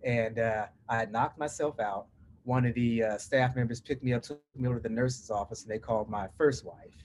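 Telling his personal story as a podcast interview guest, a middle-aged man from Portland, Oregon, United States, on the West Coast, carries a Southern drawl. His medium-pitched voice is steady, brisk, and a little mellow.

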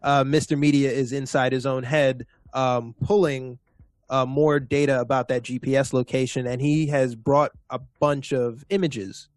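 A man's voice: medium pitch, fairly even intonation, normal speed, no room sound. Guy running a tabletop rpg, lots of ums, dry close sound. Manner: hesitant, many fillers. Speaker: game master. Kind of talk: narrating a tabletop game.

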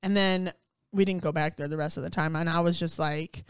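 A woman chatting casually, telling an animated story full of swearing and fillers. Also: deep voice, a little fast, clean tone, no room sound, clean studio sound. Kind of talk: casual chat.

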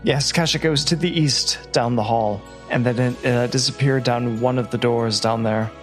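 Medium-pitched man playing a tabletop game. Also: normal speed, faint music behind. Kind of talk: casual game-table chat.

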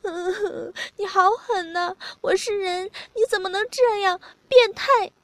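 A woman voicing a young woman lover with a high, breathy pleading voice that breaks into sobs. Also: fairly even intonation, unhurried, dry recording. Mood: tearful protest.

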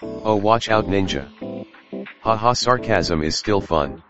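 A deep, sarcastic robot announcer, as a man puts it on on a podcast intro, sneering through a countdown. The sound is dull and lo-fi, with loud guitar music running underneath. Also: expressive, takes it slowly. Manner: sarcastic, mocking countdown delivery.

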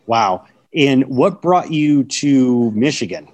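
Man, podcast host, lively pitch, friendly, upbeat interviewer. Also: takes it slowly.

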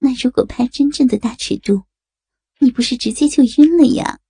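A woman voices a coy middle-aged mother, playful and giggly, in a high but mellow voice. The tone is soft and a little husky, with faint music underneath. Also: normal speed, no room sound. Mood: teasing. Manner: teasing, giggly.

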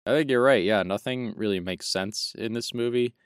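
A young man co-hosts a casual film review podcast, rambling, cracking jokes, and often correcting himself partway through sentences. He speaks at a moderate pace in a smooth, lowish voice, recorded dry in studio quality.

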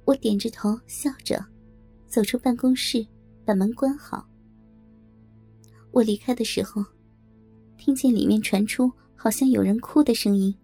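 A woman reading a first-person adult audio novel in a steady, intimate storytelling manner. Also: on the high side, measured pace, pauses often, slightly rough, soft background music. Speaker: narrator.

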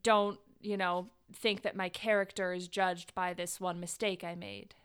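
A woman co-hosting a casual chat, relaxed, retelling scenes in quoted voices. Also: on the low side, measured pace, clear, resonant tone. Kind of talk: casual chat about a dating show.

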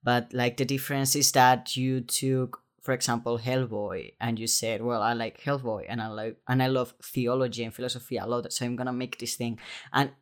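A man's voice: mid-range voice, flat delivery, moderate pace, clean tone. Man hosting, reflective and musing. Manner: reflective, thinking aloud with fillers. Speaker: podcast host. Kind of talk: casual interview.

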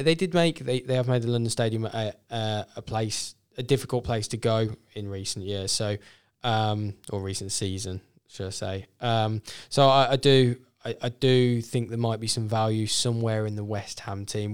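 A man's voice: lowish voice, steady tone, moderate pace, clean tone. A man chatting casually as a podcast guest, thinking aloud and correcting himself as he goes. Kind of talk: casual fantasy football chat.

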